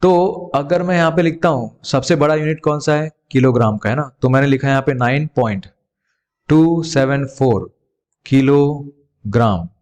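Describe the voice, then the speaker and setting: A man's voice: mid-range voice, moderate pace, darkish tone. Indian man teaching math to kids. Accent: Indian English. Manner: addresses students as beta, asks and answers his own questions. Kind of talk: classroom math lesson.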